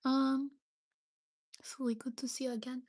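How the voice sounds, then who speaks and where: Young french woman on a livestream, voice sits a bit high, chatty, stops to hunt for english words. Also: little pitch movement, moderate pace, darkish tone. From France. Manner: chatty, thanks viewers, searches for English words. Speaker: livestream host. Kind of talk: casual livestream chat.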